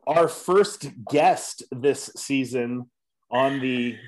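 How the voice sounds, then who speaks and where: A man hosting a podcast, talking in a relaxed, chatty way with fillers. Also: medium pitch, extremely slow, low-quality recording. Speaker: podcast host. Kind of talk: casual podcast chat.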